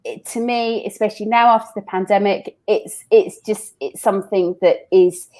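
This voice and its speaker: A woman's voice: medium pitch, fairly even intonation, normal speed, darkish tone. Chatty woman guest with lots of restarts. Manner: chatty, many restarts, explains through everyday examples. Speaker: recruitment founder, interview guest. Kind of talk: casual podcast interview.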